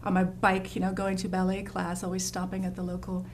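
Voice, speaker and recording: A landscape designer from the Netherlands chats in a casual interview, warm and enthusiastic but full of fillers and restarts. Her lowish voice is monotone and a little fast, with slight background noise.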